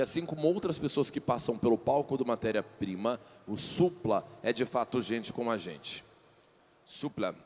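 A man hosting a talk show on a studio stage, joking with his guest and reading out quiz lines slowly with heavy stress. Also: medium pitch, darkish tone. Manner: jokey, reads lines slowly and stresses them. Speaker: host. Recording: long hall reverb.

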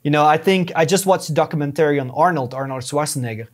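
A man with a slightly raised voice explains things earnestly in a relaxed podcast interview. He often restarts a thought halfway and circles back to make his point. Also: fairly high pitch, fast. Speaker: podcast guest, YouTube strategist. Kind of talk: casual conversational interview.

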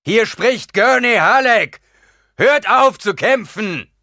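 A man voicing a gruff, emotional male veteran warrior who booms when he calls out, in an audiobook. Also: sing-song, normal speed, dry recording, studio quality, full character voice. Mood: shouting. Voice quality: loud, booming when calling out.

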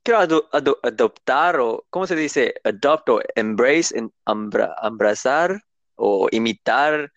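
A man with English as his first language talks in beginner Spanish, slowly and haltingly, reaching for words and dropping into English phrases. His voice has a gravelly, creaky edge. The recording is dry, a little dull and lo-fi. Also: medium pitch, animated, dry recording. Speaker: Spanish learner. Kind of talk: casual conversation practice.

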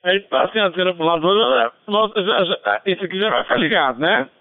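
A ham radio operator chatting casually over a two-way radio, relaxed and chuckling now and then. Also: male voice, sits high, a little fast, creaky, no room sound. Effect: transmitted over a two-way radio. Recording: narrow tinny radio transmission.

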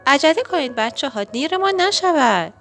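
A woman voicing a brisk, caring farm mother who hurries her children along in a children's storybook. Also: sits high, big pitch swings, a bit bright, soft background music, pitched above the performer's own voice, full character voice.

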